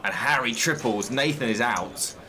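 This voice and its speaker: A man's voice: medium pitch, normal speed, bright, forceful tone, low-quality recording. A man giving live, casual commentary on a poker tournament as one of the commentators. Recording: crowd murmur behind the voice.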